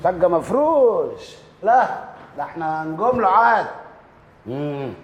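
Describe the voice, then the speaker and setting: A man's voice: sits high, big pitch swings. An actor playing a nosy comic doorman who bosses the residents around, speaking with an Egyptian accent tinged with Upper Egyptian speech. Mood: bossy. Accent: Egyptian, Upper Egyptian flavor. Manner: brash, bossy, comic, quick. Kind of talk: TV comedy series acting.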